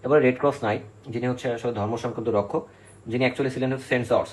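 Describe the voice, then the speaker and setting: A man's voice: mid-range voice, fairly even intonation, quick pace, rough recording. A male literature teacher giving an exam-prep lecture, explaining step by step, counting syllables aloud and often checking in with his students.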